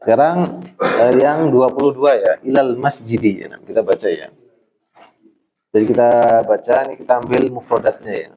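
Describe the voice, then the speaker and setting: A man teaching Arabic to a class, drilling questions and explaining words patiently, often ending phrases with a soft "ya". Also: medium pitch, slight background noise. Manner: slow, patient drilling with frequent "ya". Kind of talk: classroom Arabic lesson in Indonesian. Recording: roomy, slightly dull classroom sound.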